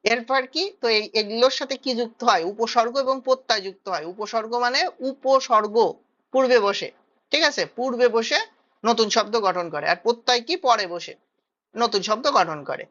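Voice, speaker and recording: A woman's voice: on the high side, moderate pace, a bit bright, lo-fi sound. A woman teaching a grammar lesson for exam preparation, explaining step by step and checking that students follow.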